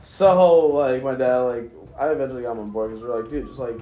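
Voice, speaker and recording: A young guy tells stories in loose frat-bro slang with some swearing. His pitch is average for a man. The room around him is noticeably echoey. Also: a little fast, mellow. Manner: frat-bro slang, heavy use of "like", profane. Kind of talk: casual storytelling.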